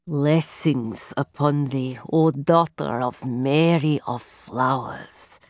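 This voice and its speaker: A low, rasping old seeress. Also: female voice, no echo, studio quality. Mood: reverent. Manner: slow, hushed, chanting litany. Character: strong old female fortune-teller, solemn and cryptic. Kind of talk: audiobook character voice.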